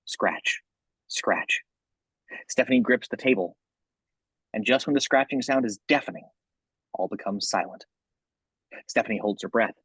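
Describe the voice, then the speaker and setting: A man with a husky voice reading scripted horror narration, describing the action scene by scene. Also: mid-range voice, normal speed, long pauses, no room sound, low-quality recording.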